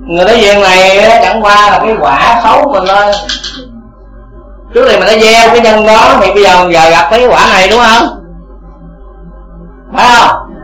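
High-voiced man giving a dharma talk. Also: fairly bright tone, echoey room, poor audio. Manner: asks the audience rhetorical questions again and again. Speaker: Buddhist Dharma teacher.

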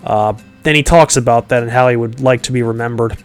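This podcast host speaks briskly in a medium-pitched, steady voice that's clear and resonant yet nasal and congested-sounding. He rambles casually with lots of fillers and restarts, chuckling often, over soft background music.

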